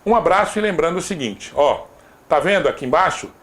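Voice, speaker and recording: Lively Brazilian man teaching grammar. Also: on the high side, fairly quick. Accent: Brazilian Portuguese. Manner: lively, repeats "tá?" to check understanding, jokes aside. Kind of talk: recorded exam-prep grammar lesson.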